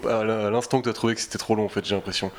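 Guy chatting about films, talks really fast, lowish voice, trips over and repeats words. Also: fairly even intonation. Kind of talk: casual film discussion.

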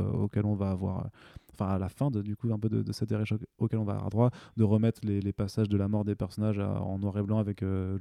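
Casually chatting as a podcast co-host, a man in his thirties rambles along, full of fillers and restarts. His voice is fairly low, creaky, and dark in tone. The studio-quality recording has no room sound.

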